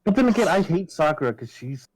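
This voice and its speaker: A man co-hosting a casual podcast chat, relaxed and offhand, swearing casually. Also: a little high, fast talker, dry recording. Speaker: podcast co-host.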